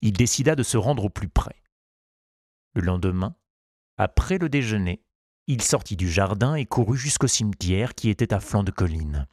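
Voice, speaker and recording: A man reading a children's storybook aloud in a measured, unhurried way. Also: lowish voice, animated, a little mellow, no room sound. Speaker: narrator.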